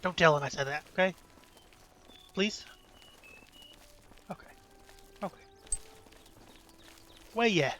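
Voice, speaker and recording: A man's voice: a little high, expressive, moderate pace, long pauses, fairly bright tone, slight background noise. A man giving casual, playful, profane commentary as he hosts a video game let's play. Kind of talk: casual joking gameplay commentary.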